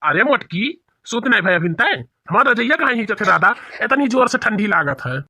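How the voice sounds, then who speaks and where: A man's voice: sits high, big pitch swings, moderate pace, pushed and bright, no echo, clean studio sound, heavily acted. A man voicing a thin, complaining old village husband in a cartoon, with a whiny, grumbling manner. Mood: whining. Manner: whiny and grumbling, with rustic dialect. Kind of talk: cartoon voice acting.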